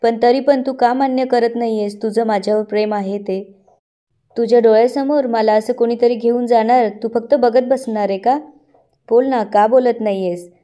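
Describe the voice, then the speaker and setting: A woman's voice: on the high side, steady tone, normal speed, warm tone, close to an everyday voice. A woman reading the lines of a heartbroken young woman from a TV serial in her own plain narrating voice. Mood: pleading.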